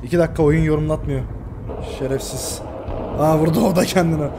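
A high-voiced man commentating his own shooter gameplay, quick to yell and curse at teammates. Game noise and engine rumble sit clearly under his voice. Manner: excitable, swears and shouts at teammates. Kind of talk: live gaming commentary.

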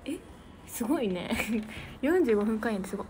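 In a noisy livestream recording, a teenage idol from Niigata, Japan, chats informally and thanks viewers for their comments. Her fairly high voice is mellow and expressive, delivered at a moderate pace.

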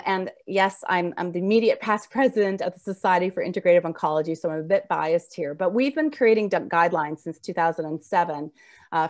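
A woman's voice: lowish voice, a little mellow. A middle-aged woman giving an informal webinar lecture as a nurse, with slightly slurred, slushy s sounds from braces. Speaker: registered nurse presenting a health webinar. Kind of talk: informal lecture over slides. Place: indoor room, video call.

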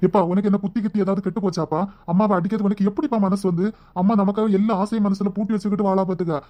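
Actor doing an anxious cartoon son, rapid and urgent, dull audio. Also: mid-range voice, fairly even intonation, lightly acted. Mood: scolding. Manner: urgent, questioning. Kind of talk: cartoon voice acting.

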